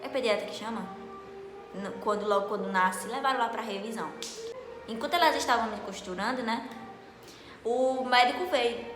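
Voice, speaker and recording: A young woman, casually telling a story to camera in an animated, dramatic way. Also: a little high, moderate pace, pauses often, music in the background. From Northeast Brazil. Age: late teens. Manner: animated, dramatic, acts out dialogue loudly. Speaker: vlogger. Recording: echoey room with long reverb.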